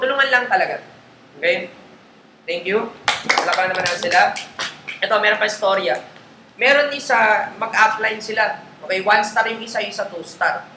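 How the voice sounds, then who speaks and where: In a live training session, a male network marketing trainer coaches his group in a high-pitched voice with a sharp tone. His talk is casual Tagalog mixed with English, punctuated by frequent check-ins. Faint background noise and a roomy echo color the audio.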